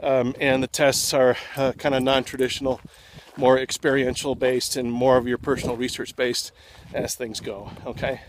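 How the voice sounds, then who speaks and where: A man's voice: medium pitch, moderate pace, poor audio. Guy teaching an online class, a bit out of breath, lots of ums, phone recording outside with traffic going by. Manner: relaxed and conversational, with many filler ums and uhs. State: slightly out of breath. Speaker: online course instructor. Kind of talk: casual lecture to students, recorded on a phone. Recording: phone recording with clear traffic noise outdoors.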